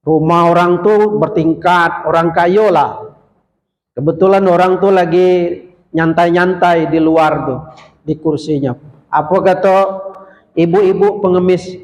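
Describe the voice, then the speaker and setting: Male preacher, storytelling, slow and high. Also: fairly even intonation, darkish tone. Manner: storytelling, addresses the audience directly. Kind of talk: short Ramadan sermon. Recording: long hall reverb.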